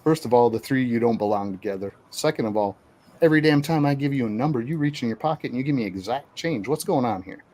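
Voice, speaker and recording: A man's voice: mid-range voice, expressive, quick pace, a little mellow, lightly acted. A man voicing an exasperated, weary male bartender in a joke he is telling. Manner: exasperated, fed up.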